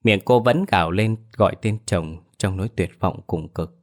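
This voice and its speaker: Low-voiced man narrating a ghost story. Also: moderate pace. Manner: solemn, mournful storytelling.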